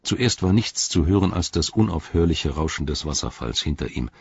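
Deep husky male narrator. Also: animated, dull audio. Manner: measured storytelling. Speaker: audiobook narrator. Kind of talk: scripted narration.

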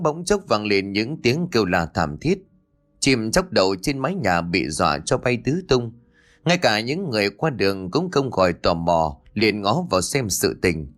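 A male storyteller with a lowish voice reads a comic ghost tale. His pitch rises and falls widely as he drives the story along, and he switches into different voices for the characters. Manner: animated, puts on voices for each character.

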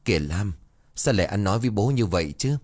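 A man's voice: lowish voice, animated, fast talker, a little mellow. A man voicing a long-suffering middle-aged mother who pleads and scolds in a storybook reading. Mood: pleading.

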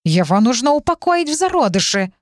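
A woman's voice: a little high, sing-song, brisk, no room sound, clean studio sound, voice pushed up. A woman voicing a sly, sarcastic male cat familiar who talks in a purring, mocking way. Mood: alarmed.

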